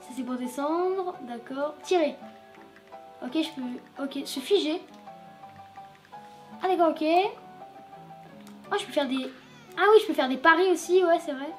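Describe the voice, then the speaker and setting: A woman's voice: high-pitched, measured pace, pauses often, faint music behind. A woman gaming YouTuber giving casual let's-play commentary, chatty and loose, with plenty of fillers and restarts.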